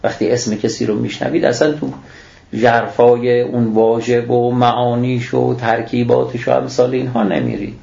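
A man's voice: mid-range voice, gravelly, warm tone. A man giving a religious lecture on scripture, reciting Arabic phrases and then explaining them, posing rhetorical questions and answering them himself. The recording is echoey and dull.

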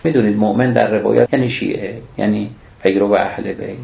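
This lecturer's lowish voice is creaky and dark, with fairly even intonation. He recites Arabic from scripture, explains it, and asks rhetorical questions he answers himself, all in a dull, echoey recording.

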